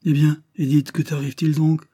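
A man's voice: medium pitch, normal speed, dark tone, husky, no room sound, studio quality, lightly acted. A man doing an evasive young husband. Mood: agitated reassuring. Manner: forced cheerfulness, protesting.

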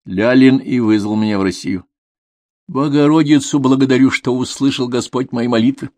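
A man's voice: mid-range voice, normal speed, darkish tone, dry recording, clean studio sound, pitched above the performer's own voice, lightly acted. A man voicing a tearful, affectionate older sister, raising his voice and speaking in a lilting, heartfelt, homely way. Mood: confiding.

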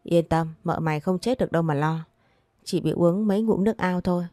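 Here is a woman reading a stern young master from an old storybook tale, a cool male doctor who gives short orders and brushes people off. The voice sits low and dark, and it comes across dry and close. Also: fairly quick, no room sound, close to an everyday voice. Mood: scornful. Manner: curt and commanding.

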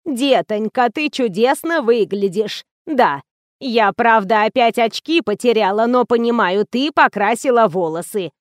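A cracked, wheezing old actress, half-deaf and muddled, as a woman reader puts her on. She fusses and pleads at a slowed, drawn-out pace. The recording is dry and close. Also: fairly high pitch, lively intonation, no echo. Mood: pleading.

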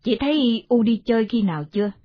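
A woman's voice: medium pitch, animated, measured pace, slightly rough, no echo, lo-fi sound. A woman voicing an elderly village mother-in-law who speaks plaintively and pleadingly, in a storybook reading. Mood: hurt.

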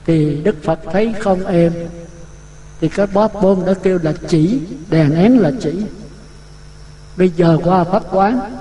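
A man's voice: high-pitched, measured pace, long pauses, warm tone. A man giving a Buddhist dharma talk, vivid and full of rhetorical questions. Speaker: Buddhist monk teaching. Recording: echoey hall.

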